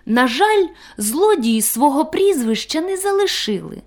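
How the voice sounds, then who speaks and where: A woman voicing a cheeky, bossy male kitten in a storybook tale, with a sharp, scolding manner. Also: sits high, very animated, measured pace, soft background music, pitched above the performer's own voice, exaggerated voice. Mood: earnest.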